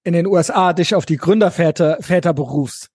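A man's voice: fairly high pitch, a little fast, darkish tone, husky, no echo, studio quality. A man from West Germany co-hosting a podcast, chatting casually and slangily about politics, often tacking on tag questions. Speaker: podcast co-host.

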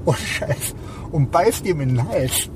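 A man's voice: on the high side, expressive, slow pace. A man in casual chat, telling a long rambling anecdote full of fillers, recorded inside a car. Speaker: storyteller. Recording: loud car road noise.

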